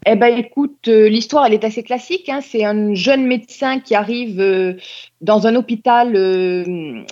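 A woman's voice: mid-range voice, a little mellow, muffled recording. A woman co-hosting a podcast, chatting casually about TV series with frequent hesitations. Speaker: podcast co-host. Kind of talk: casual chat reviewing TV series.

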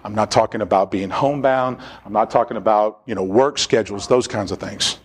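A man's voice: fairly low pitch, brisk, husky. A man preaching a sermon as pastor in a church, leading the congregation in call-and-response. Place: church sanctuary.

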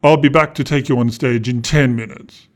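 Lightly acting at normal speed, a man with a steady, medium-pitched voice portrays a creepy doll collector, a glamorous woman in a children's audio story. She comes across as sweetly menacing and theatrical, calling everyone darling.

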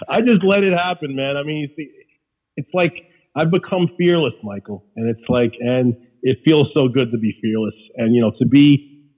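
A restaurateur with a Queens, New York accent talks casually and emphatically as a podcast guest, repeating himself and peppering his talk with "you know." His mid-range voice is husky at a normal speed, and the audio sounds dull.

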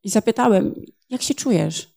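A woman's voice: medium pitch, lively intonation, moderate pace, gravelly, warm tone. A woman interpreting a sermon phrase by phrase, in a plain manner with small hesitations.

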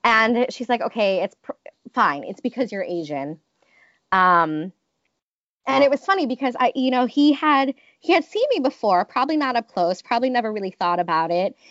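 Speaking a little high, with lively intonation at normal speed and a somewhat bright tone, a woman in her thirties from the United States tells personal stories in an interview, thoughtful and hesitant with many restarts. The recording is dry with the highs cut off.

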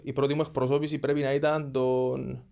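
A man's voice: mid-range voice, level tone, gravelly, dark tone, smooth. A man in his thirties with a Greek Cypriot accent, answering questions as a guest in a conversational interview. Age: 30s. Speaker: podcast guest, football agent.

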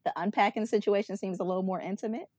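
Woman chatting about a show, lots of likes, expressive, dry close mic. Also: medium pitch, fast talker, husky, no room sound. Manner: expressive, lots of filler words, laughs often. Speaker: podcast co-host. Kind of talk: casual chat.

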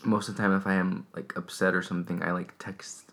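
A young man chatting casually, raspy voice, rambling with many fillers and restarts. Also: sits low, little pitch movement, fast talker, fairly bright tone. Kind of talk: casual chat.

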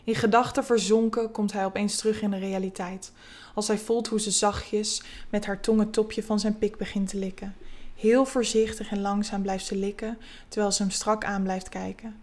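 A woman reading an erotic story aloud in a soft, slow, intimate way. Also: medium pitch, flat delivery. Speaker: narrator.

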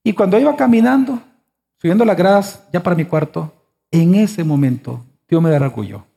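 A man's voice: high voice, animated, moderate pace, gravelly, mellow. A pastor in his forties preaching a sermon, emphatic and full of rhetorical questions to the congregation.

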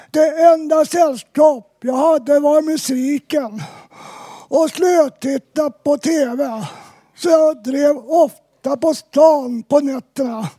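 A woman telling her own story in plain, measured sentences, then introducing the next speaker at a community event. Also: sits high, warm tone, no echo, studio quality. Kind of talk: personal testimony read aloud.

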